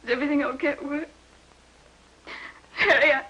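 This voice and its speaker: An actress playing a distraught, lonely woman who pleads tearfully over the phone, stammering and halting in a 1950s TV drama. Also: high-pitched, fairly even intonation, pushed and bright, low-quality recording. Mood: pleading. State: tearful, near sobbing.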